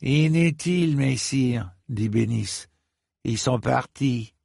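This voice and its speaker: A man reading a story and voicing a coarse, menacing knight who jeers loudly. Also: mid-range voice, slow, creaky, dry recording, studio quality. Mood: jeering.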